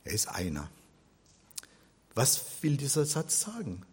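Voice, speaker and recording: A man's voice: medium pitch, huge pitch swings, unhurried, slightly rough. A man giving an explanatory religion lecture, patiently spelling things out step by step. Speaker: religion teacher.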